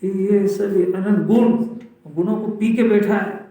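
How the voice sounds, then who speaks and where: A man delivers a scripture discourse in a conversational teaching manner, pressing his listeners with one rhetorical question after another. His voice sits high for a man. He is picked up from a distance, with heavy room echo around him. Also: fairly even intonation, slow pace, warm tone. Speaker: Jain scholar giving a discourse. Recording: echoey hall, speaker far from mic.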